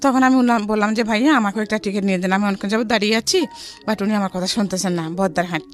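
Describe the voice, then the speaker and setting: A middle-aged woman with a Bangladeshi accent tells her life story conversationally, slipping in some English words. Her voice is mid-range and fast, with music playing behind it.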